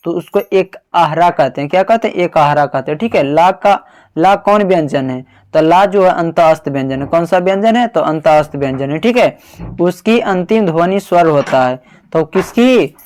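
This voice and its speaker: A man's voice: fairly high pitch, a little mellow, clean tone. A man teaching an exam-prep grammar lesson, asking a question and then repeating the answer, calling the student "babu" and sounding out syllables.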